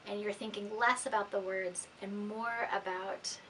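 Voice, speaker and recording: Woman, middle-aged, gentle teaching delivery, measured phrasing that softens at the ends, medium pitch, faint room noise. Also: steady tone, rough recording. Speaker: prayer practice teacher. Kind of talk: gentle spoken instruction. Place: small indoor room, seated.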